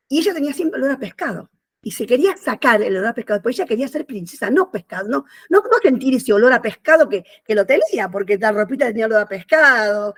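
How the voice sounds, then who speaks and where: A woman, retelling a children's story from her book in an animated way, often restarting her phrases. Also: fairly high pitch. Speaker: writer presenting her book. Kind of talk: storytelling talk.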